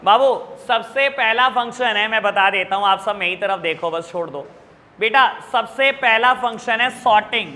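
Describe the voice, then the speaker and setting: A male teacher with an Indian English accent lectures a class on exam questions, often calling students "beta" and checking in with "theek hai na." His high-pitched voice is pushed and bright at a moderate pace, with a long reverb tail.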